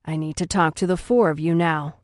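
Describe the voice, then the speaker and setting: A woman voicing a stern, calm male schoolteacher who lectures firmly. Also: sits low, dry recording, clean studio sound, pitched below the performer's own voice, natural voice. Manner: firm, measured lecturing.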